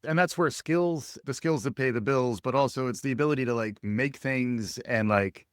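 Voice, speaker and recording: A man's voice: medium pitch, normal speed, clean tone, dry recording, clean studio sound. A man hosting an interview podcast, agreeing with his guest and adding playful remarks. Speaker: podcast host. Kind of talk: conversational interview.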